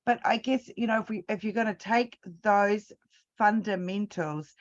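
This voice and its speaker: A woman in casual conversation about pregnancy care, pausing and searching for words. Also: mid-range voice, fairly even intonation. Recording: dull lo-fi sound.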